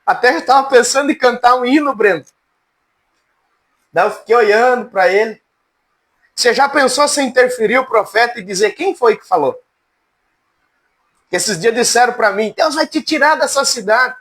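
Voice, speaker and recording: A man's voice: moderate pace, long pauses, fairly bright tone. A man teaching an informal Bible class, folksy and humorous, calling on his students by name. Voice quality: high, cracked voice. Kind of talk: informal church class lecture.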